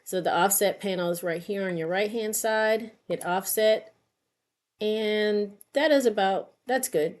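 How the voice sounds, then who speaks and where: Talking at a measured pace and medium pitch, a middle-aged woman walks through a craft tutorial step by step. She isn't working from a script, just thinking out loud as she works, keeping it informal.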